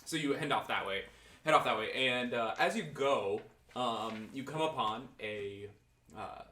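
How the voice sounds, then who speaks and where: Bright-voiced man game mastering, echoey room. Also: medium pitch. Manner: halting, improvised, trailing phrases. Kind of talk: casual tabletop game narration. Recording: echoey room, distant mic.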